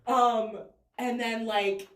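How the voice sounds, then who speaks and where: A woman's voice: a little high, steady tone, very slow, fairly bright tone. A young woman co-hosting a podcast, chatting casually with lots of fillers and giggles. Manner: giggly, rambling with many fillers. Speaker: podcast co-host. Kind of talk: casual chat. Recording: echoey room.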